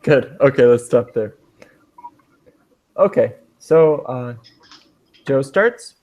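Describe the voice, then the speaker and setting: A man's voice: mid-range voice, lively intonation, darkish tone. Patient male English teacher. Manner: patient, explains words slowly with examples. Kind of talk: online language class.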